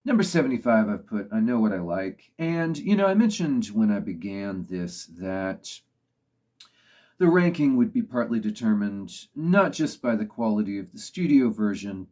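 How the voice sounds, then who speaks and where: Mellow, low-voiced man reviewing music. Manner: thoughtful, opinionated, with frequent "you know" fillers. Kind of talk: casual spoken commentary.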